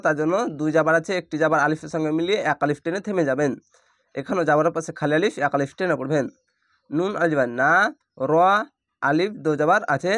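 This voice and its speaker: Guy teaching quran letter by letter, kinda high voice, dry close mic, drags out each sound. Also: fairly bright tone, dry recording. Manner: spells each letter and vowel mark, then draws out the syllables. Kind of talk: slow spelled-out recitation lesson.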